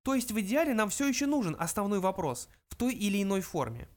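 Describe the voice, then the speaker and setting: Frankie, a brisk squeaky mouse voiced by a man. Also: big pitch swings. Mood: businesslike.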